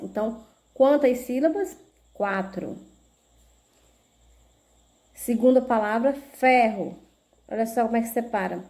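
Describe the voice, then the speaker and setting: This Brazilian Portuguese-accented woman teaches through video at an unhurried, patient pace, breaking words into syllables and tossing in little tag questions to check understanding. Her pitch sits on the high side, and her tone is darkish.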